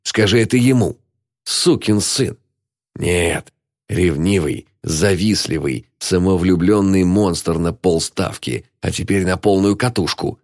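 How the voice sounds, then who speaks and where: A man's voice: fairly low pitch, unhurried, no echo, studio quality, voice pushed up. A man voicing a frail, frightened old male philosopher in an audiobook, talking in gasping, breathless whispers. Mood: scornful. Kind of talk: audiobook reading.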